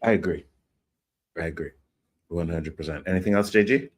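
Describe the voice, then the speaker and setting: A man's voice: sits low, brisk. A man hosting a casual chat, moving the talk along and teasing his guests with dry humor. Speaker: host.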